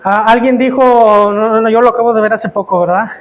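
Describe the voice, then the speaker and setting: High-voiced man preaching. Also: fairly even intonation, quick pace. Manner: preaching with rhetorical questions and repeated "hermanos"; stumbles and repeats words when worked up. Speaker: pastor. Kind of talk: sermon.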